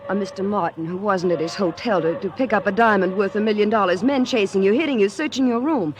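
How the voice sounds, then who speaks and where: A woman acting a haughty, theatrical young lady in a 1940s radio drama, with crisp delivery. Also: mid-range voice, fast talker, natural voice. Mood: indignant. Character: indignant haughty young woman brushing off accusations. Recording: noisy vintage radio recording.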